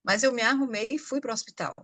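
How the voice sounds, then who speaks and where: A Brazilian woman who works as a nurse, telling a personal story on a podcast in a reflective way with many pauses. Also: a little high, a bit bright. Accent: Brazilian Portuguese. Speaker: nurse and healthcare worker.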